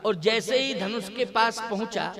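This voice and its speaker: High-voiced preacher telling a story with humor. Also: male voice, a little slow, a crowd in the background. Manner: lively storyteller acting out kings' quarrels with humor. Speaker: religious preacher. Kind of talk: devotional storytelling sermon. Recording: live event with audience laughter. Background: live audience laughing.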